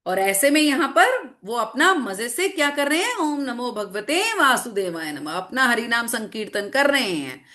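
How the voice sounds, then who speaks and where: A woman teacher telling a scripture story to children in an online class, animated and asking them questions as she goes. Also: a little high, moderate pace. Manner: animated, repeats phrases, asks children questions. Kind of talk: storytelling lesson to children with slides.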